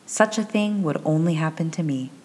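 A woman reader voicing a clever young witch in a soft, often whispered tone, in a fan audiobook. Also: low-pitched, normal speed, natural voice. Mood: wry amusement.

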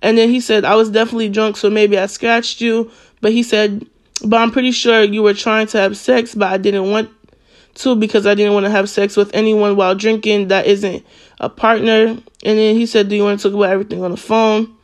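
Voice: mid-range voice, level tone, brisk. A social media commentator talking casually, reading a string of text messages aloud with frequent fillers and self-corrections.

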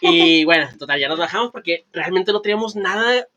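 Male host, casual chat, quick storyteller who swears freely, high voice. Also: muffled recording, slight background noise. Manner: storytelling, swearing, fast and animated. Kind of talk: casual chat among friends.

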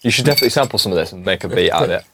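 A man's voice: low-pitched, animated, very fast, noisy background. A man as a podcast guest, chatting casually with mates in slangy, laddish banter. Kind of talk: casual matey chat.

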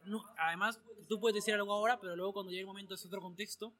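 Quick-talking young man in casual chat. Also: high voice, fairly even intonation, bright, forceful tone. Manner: fast storytelling with slang.

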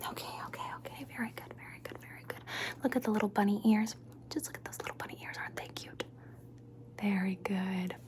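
A woman does a soothing, playful ASMR personal-attention roleplay, repeating words and short phrases again and again, speaking fast at a medium pitch.

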